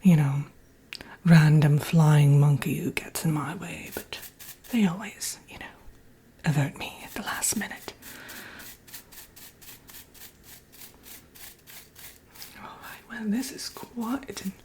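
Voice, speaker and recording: A woman voicing a prim, fussy witch villainess in a breathy, hesitant ASMR whisper, chatting and gently scolding up close. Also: deep voice, measured pace. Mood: concerned, scolding. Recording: audible background noise.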